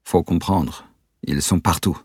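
A man's voice: low voice, steady tone, takes it slowly, darkish tone, slightly rough, no echo, clean studio sound, heavily acted. A man reading an audiobook, voicing a guarded, paranoid young man who hesitates before he speaks. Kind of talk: audiobook character voice.

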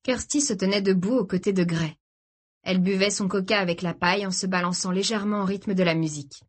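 Woman, narrator, scripted audiobook reading, measured, even delivery. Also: medium pitch.

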